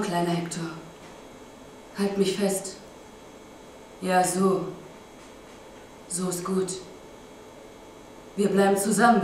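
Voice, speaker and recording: A woman's voice: fairly low pitch, darkish tone, recorded from a distance, a little hiss or hum. A woman playing Andromache, proud grieving widow. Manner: measured, bursting into bitter outrage, then tender. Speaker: acting student. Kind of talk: stage monologue. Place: stage or studio hall. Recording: very echoey stage from afar.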